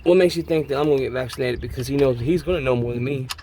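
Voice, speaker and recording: A man chatting casually while working on a truck outdoors, animated and full of slang. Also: medium pitch, racing, a little hiss or hum. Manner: animated, slangy, says "man" and "bro" a lot. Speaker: vlogger working on his brother's truck.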